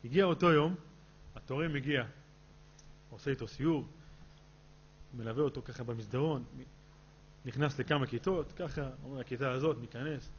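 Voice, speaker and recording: A man, a rabbi, telling a story in a sermon and acting out his characters' dialogue in a lively way. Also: medium pitch, long pauses. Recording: dull lo-fi recording with faint hum.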